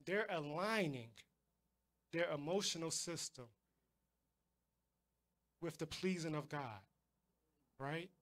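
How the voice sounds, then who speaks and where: A man's voice: on the high side, takes it slowly, long pauses, fairly bright tone. A man preaching a sermon, emphatic, often repeating words as he drives a point home. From United States.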